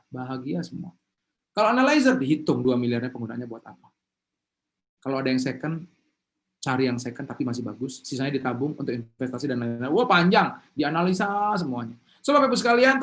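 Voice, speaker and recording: A motivational coach gives an online seminar talk over a video call in a mid-range voice. He's animated and leads his audience in call-and-response.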